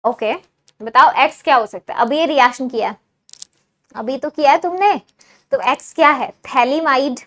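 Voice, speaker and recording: High-voiced woman teaching chemistry. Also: moderate pace, a bit bright. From India. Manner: keeps quizzing students, asking if it is clear; mixes Hindi with English phrases. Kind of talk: online exam-prep lecture.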